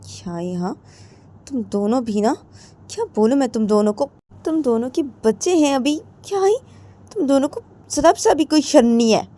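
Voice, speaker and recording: A disapproving grandmother chides a young couple for their behavior. A woman voices her close to her own mellow narrating tone in a storybook reading. She sounds more weary than loud. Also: sits high, expressive, moderate pace, voice pushed up. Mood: chiding. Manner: chiding.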